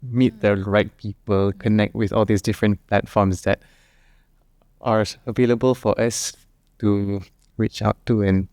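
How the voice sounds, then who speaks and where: A man's voice: lowish voice, steady tone, unhurried, creaky, darkish tone, no echo. A man, a startup founder in a casual panel chat, talking earnestly and thinking aloud.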